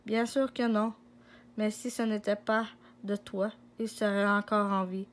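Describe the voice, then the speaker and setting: A woman's voice: medium pitch, level tone, measured pace, lightly acted. Scar, a sly villain lion, read by a woman. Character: scheming villainous male lion uncle, sly.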